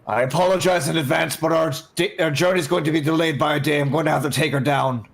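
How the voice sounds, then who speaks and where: A man doing a booming, blunt airship captain. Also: steady tone, fast talker, creaky. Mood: apologetic. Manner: blunt, swears. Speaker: ship's captain.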